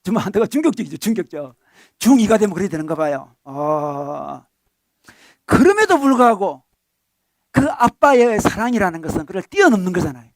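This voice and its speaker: A man's voice: high-pitched, expressive, a little fast, no room sound, clean studio sound. A male pastor giving a sermon in a conversational tone, asking the congregation rhetorical questions and chuckling between points.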